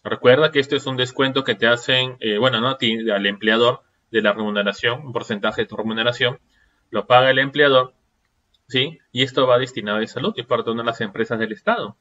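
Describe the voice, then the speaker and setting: A man's voice: mid-range voice, a little fast, pushed and bright, highs cut off. A man giving a seminar lecture, firing off rhetorical questions and checking in with the audience. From Peru.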